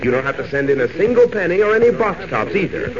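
Eager male 1940s radio pitchman, muffled. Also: big pitch swings, fast talker, a crowd in the background. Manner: eager, chummy salesmanship. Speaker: commercial announcer. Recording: muffled old radio broadcast recording.

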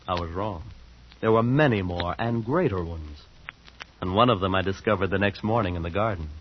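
In an old 1940s radio drama, an actor with a low, natural voice plays a wide-eyed small-town young man narrating his own story at a moderate pace. He sounds earnest, awed, shy and reflective, on a muffled recording with music behind.

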